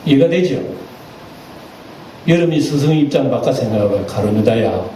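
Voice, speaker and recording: A male pastor preaching a sermon, animated and acting out voices as he goes. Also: a little high, moderate pace. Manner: animated, acts out quoted voices. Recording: echoey church hall, distant mic, faint noise.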